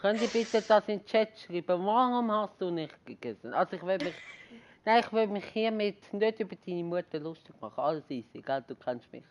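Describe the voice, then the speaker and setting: A man's voice: high voice, a little fast, lo-fi sound. A seventeen-year-old boy with a Swiss German accent, hosting a football game livestream, joking and laughing a lot. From Switzerland. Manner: joking, laughs often, nagging his friend. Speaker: gaming channel host. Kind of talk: casual gaming livestream.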